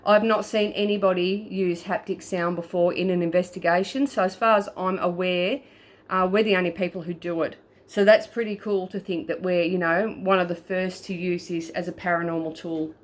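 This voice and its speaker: A woman's voice: on the low side, steady tone, moderate pace. A woman, a paranormal investigator, explaining a gadget step by step in a casual video recorded on her phone, often checking in with "okay?". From Australia. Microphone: phone, front camera.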